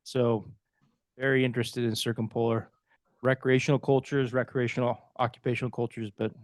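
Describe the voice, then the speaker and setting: A man presenting at a conference, answering audience questions in a thoughtful, measured way that often trails off. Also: medium pitch, little pitch movement, no echo.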